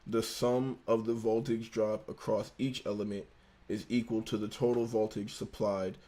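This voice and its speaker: Speaking at normal speed with a dark, lowish voice and little pitch movement, this young man from the United States has a slight lisp. He's a livestream host studying engineering, casually reading a textbook aloud with slang, tripping over lines and rereading them.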